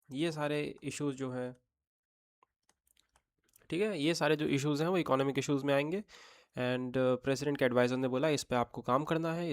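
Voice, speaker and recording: A man teaching exam vocabulary in a chatty online lesson, often checking in with his students. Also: medium pitch. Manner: chatty teaching in Hindi mixed with English terms; checks in with rhetorical "theek hai?".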